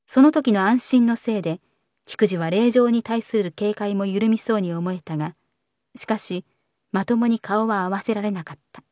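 A woman narrating a novel in a calm, measured audiobook reading. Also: medium pitch, no echo, studio quality.

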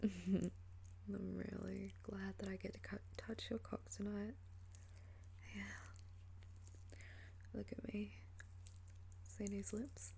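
A woman with a sultry voice performs an ASMR role-play as a seductive lover. She speaks very slowly and teasingly, often dropping into a breathy soft voice. Her tone is mellow, with a creaky edge. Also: mid-range voice, little pitch movement, a little hiss or hum. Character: flirtatious, teasing female lover.

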